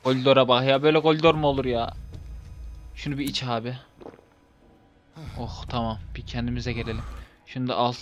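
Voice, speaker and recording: A man's voice: medium pitch, flat delivery, brisk, long pauses. A young man casually commenting while he plays a horror game, joking, swearing and talking to the game's characters. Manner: jokey, swears, talks to the game. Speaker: gaming video host. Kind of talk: casual let's-play commentary.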